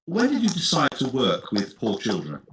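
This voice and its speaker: A low-voiced, lively radio interviewer. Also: female voice, normal speed, exaggerated voice. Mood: friendly. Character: polite female radio interviewer. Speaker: interviewer in a textbook listening recording. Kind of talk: scripted course-audio interview. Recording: course audio replayed with audible noise.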